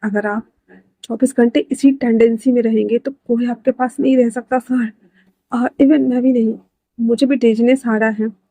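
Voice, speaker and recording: Worried, deferential male aide, voiced by a woman reader; quiet and soft. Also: a little high, steady tone, normal speed, no room sound. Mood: worried pleading. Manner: soft, respectful, hushed.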